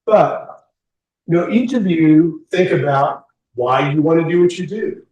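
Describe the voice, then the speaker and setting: A man's voice: a little high, a little slow, darkish tone, dull audio. Man, 60s, workshop presenter, conversational, distant echoey room sound. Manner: candid, conversational, asks the group questions. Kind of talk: informal group talk. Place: meeting room with a group. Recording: echoey room, mic far off.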